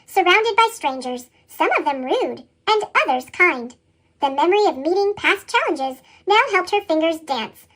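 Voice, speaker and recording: Storybook narrator, chipmunk pitch-shift effect, squeaky and bouncy, sing-song read-aloud. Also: pushed and bright. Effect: sped-up, high-pitched chipmunk voice filter. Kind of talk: scripted picture-book read-aloud.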